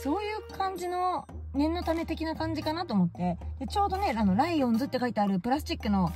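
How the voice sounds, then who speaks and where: A woman's voice: high-pitched, expressive, quick pace, darkish tone, faint music behind. A woman vlogger telling stories casually and animatedly, often exclaiming and laughing at herself. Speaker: baseball fan vlogger. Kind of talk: casual storytelling vlog.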